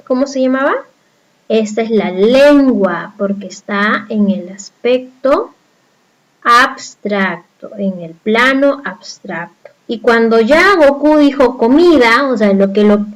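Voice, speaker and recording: A Peruvian woman teaching a lesson at an unhurried pace, her voice sitting a little high. She explains each idea step by step and keeps turning to the class with questions. It sounds like a recorded teacher's class. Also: rough recording. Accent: Peruvian Spanish. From Peru.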